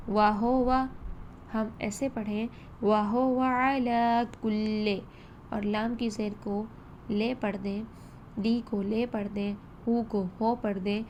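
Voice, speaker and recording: A woman's voice: fairly high pitch, darkish tone, a little hiss or hum. A woman teaching careful pronunciation. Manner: slow, careful demonstration of vowel sounds. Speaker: Quran recitation teacher. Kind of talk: tajweed lesson.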